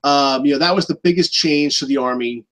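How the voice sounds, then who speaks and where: A man's voice: fairly high pitch, fairly quick, a bit bright, rough recording. A man talking as a guest on a tabletop gaming show, explaining in a conversational way with frequent fillers. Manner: conversational, frequent "you know". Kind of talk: casual hobby gaming discussion.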